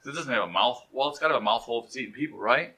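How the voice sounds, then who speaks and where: Bright-voiced joking Midwestern man. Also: medium pitch, very fast, slightly rough. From American Midwest. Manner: joking, slips into goofy put-on voices. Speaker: podcast co-host. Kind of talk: casual chat.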